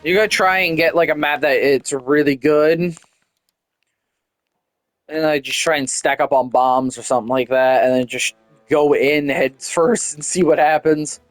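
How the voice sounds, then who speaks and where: A man's voice: on the high side, measured pace, no room sound, soft background music. Chatty young man narrating gameplay. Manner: rambling, chatty, restarts often. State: hiccups. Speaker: gameplay streamer. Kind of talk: casual gameplay commentary.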